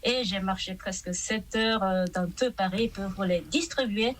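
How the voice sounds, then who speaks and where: A woman with a Japanese accent talks in a radio interview, pausing often and filling gaps as she searches for words. Her voice is a little stuffy from a cold. A faint hiss of noise sits under her speech. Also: medium pitch. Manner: hesitant, many fillers, light laughs. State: slight cold. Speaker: guest singer.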